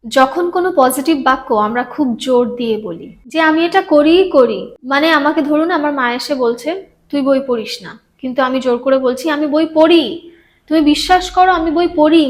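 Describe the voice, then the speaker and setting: A woman teaching English grammar, explaining in Bengali and reading out English example sentences slowly, sometimes acting out little family dialogues. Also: high-pitched. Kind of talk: grammar lesson.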